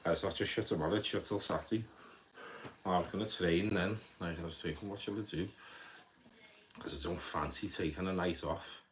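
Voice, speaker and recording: A young Liverpool man with a Scouse accent chats casually to viewers on his live stream, rambling, repeating words and swearing offhandedly. His voice is low-pitched and fairly quick with fairly even intonation. There's faint background noise in the recording.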